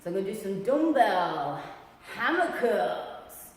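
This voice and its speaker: A bubbly, cheeky woman coaching on fitness, with a lively, bouncing pitch. She throws in whoops and asides as she talks. Her voice rings around an echoey hall with a long tail, and faint noise sits under it. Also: takes it slowly. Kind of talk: casual fitness talk to camera.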